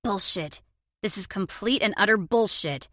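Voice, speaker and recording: A woman's voice: on the high side, expressive, moderate pace, a bit bright, dry recording, clean studio sound. A woman voicing a fiery, protective young mother in an audiobook, brash and outspoken. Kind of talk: audiobook character voice.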